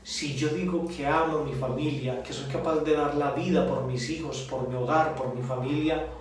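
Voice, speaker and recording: Colombian coast guy telling his testimony, halting, keeps restarting, mid voice, super echoey room, mic far off. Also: medium pitch. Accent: Colombian Caribbean Spanish. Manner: halting, heartfelt, with many restarts. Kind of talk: personal testimony. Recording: echoey room, voice from a distance, faint noise.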